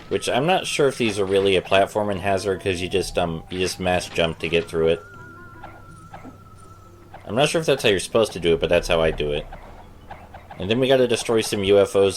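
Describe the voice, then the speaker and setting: A man with a low voice hosts a Let's Play. His commentary is casual and rambling, a bit hesitant, with faint game music underneath. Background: video game music.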